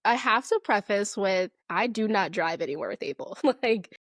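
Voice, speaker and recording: A young woman co-hosting a casual podcast, reacting quickly and laughing often. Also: mid-range voice, lively intonation, no echo, clean studio sound. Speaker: podcast co-host. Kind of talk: casual chat.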